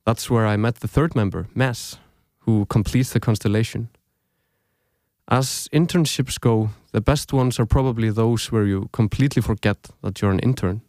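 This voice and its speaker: This scripted podcast is hosted by a young Icelandic man, a native speaker, who tells stories in a measured, reflective way. His voice is lowish and darkish. It's recorded in a studio with no echo.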